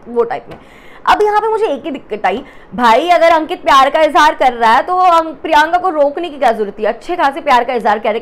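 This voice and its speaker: A woman casually reviewing a reality-show episode, chatty, mixing English phrases into her talk, often pausing with fillers and speaking straight to her viewers. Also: on the high side. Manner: chatty, mixes English into Hindi, addresses viewers directly; frequent hesitation fillers. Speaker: entertainment news presenter.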